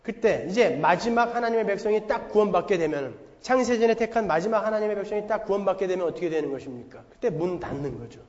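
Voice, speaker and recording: A man's voice: sits high, lively intonation, quick pace, hardly any pauses, a little mellow. A middle-aged male pastor preaching a sermon in a church, emphatic and posing rhetorical questions to the congregation. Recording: long hall reverb, dull lo-fi sound.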